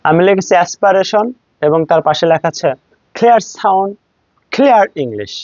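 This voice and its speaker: A man's voice: sits high, lively intonation, a little fast, darkish tone, no room sound. A man with a Bangladeshi accent teaching English pronunciation, drilling words aloud and contrasting wrong and right forms. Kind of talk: classroom-style lesson. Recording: dry, slightly muffled recording.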